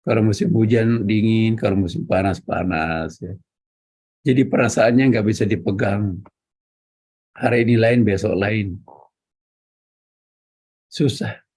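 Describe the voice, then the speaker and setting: Dark-voiced, husky male preacher. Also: fairly low pitch. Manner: addresses listeners directly, repeats key words for emphasis. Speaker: Islamic preacher. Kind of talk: religious lecture to a congregation.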